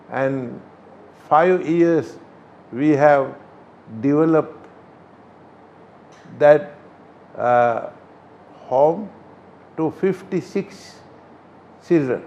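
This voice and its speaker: Slow, halting older man from Sri Lanka. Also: on the high side, darkish tone, slight background noise. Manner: slow, halting, with many pauses and fillers. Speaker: Buddhist chief priest and founder of the society. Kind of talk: interview answers. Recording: slightly dull recording.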